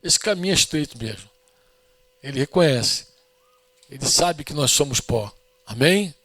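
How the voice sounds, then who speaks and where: Man, middle-aged, Brazilian Portuguese accent, sermon, storytelling, fairly high voice, dry sound. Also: animated, normal speed, fairly bright tone, no room sound. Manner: earnest, storytelling, frequent "amém?" to the congregation. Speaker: preacher.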